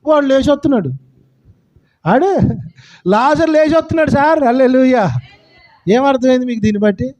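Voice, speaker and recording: A man's voice: very high-pitched, a little mellow. A male pastor preaching a fervent sermon, calling out to his congregation.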